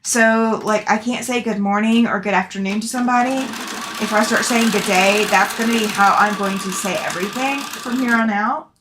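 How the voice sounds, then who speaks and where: A woman's voice: medium pitch, steady tone, normal speed, background noise. Chatty woman hosting a livestream. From Alabama, southern US. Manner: chatty, affectionate with viewers, laughs often. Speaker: sewing livestream host. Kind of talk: casual chat, reading out and answering live comments.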